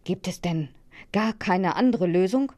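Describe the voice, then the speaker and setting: A woman's voice: fairly low pitch, unhurried, darkish tone, natural voice. A woman voicing a polite, formal little male mouse in a storybook tale. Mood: earnest. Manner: courteous, formal.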